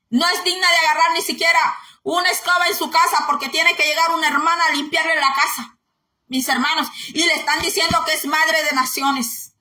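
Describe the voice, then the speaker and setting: A woman's voice: high-pitched, bright, forceful tone, roomy sound. A woman preaching a fervent sermon, repeating her words and mocking others in sing-song voices.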